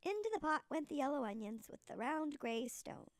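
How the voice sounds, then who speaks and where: Female storybook narrator, sweet old lady manner: high, creaky, deliberate. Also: big pitch swings, no room sound.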